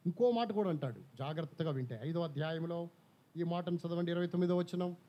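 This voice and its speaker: A man preaching a sermon, animated, throwing questions at the congregation. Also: a little high, fairly quick. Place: church hall. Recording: slightly dull church recording.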